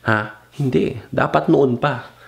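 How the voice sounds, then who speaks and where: A man's voice: mid-range voice, takes it slowly, vocal fry. A young man vlogging casual advice, mixing Tagalog and English, swearing freely, rambling and losing his thread. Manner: mixes Tagalog and English, swears casually, mimics other people; rambling and loose, loses his train of thought.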